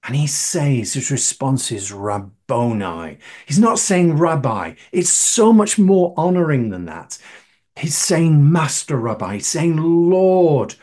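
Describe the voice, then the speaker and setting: Slow, husky preacher. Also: male voice, on the high side, very animated, dark tone. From northern England. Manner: asks the listeners questions, emphatic. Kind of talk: sermon.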